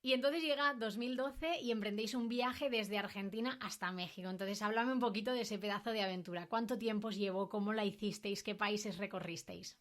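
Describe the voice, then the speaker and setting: A woman's voice: mid-range voice, fairly quick, few pauses. A woman hosting an interview podcast, friendly and upbeat as she introduces the guest and asks questions. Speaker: podcast host.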